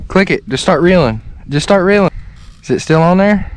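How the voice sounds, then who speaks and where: A man, chatting to viewers in an excitable, casual way while fishing outdoors on a riverbank. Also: high-pitched, normal speed. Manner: excitable, talks to viewers as "boys". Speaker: fishing vlogger. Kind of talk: casual vlog commentary. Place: outdoors on a small boat and riverbank. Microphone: body-worn action camera.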